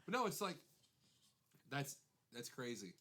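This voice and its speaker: A man's voice: mid-range voice, big pitch swings, measured pace, pushed and bright. A man co-hosting a casual podcast, speaking with blunt opinions, many hesitations and playful pushback. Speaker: podcast co-host. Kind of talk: casual chat.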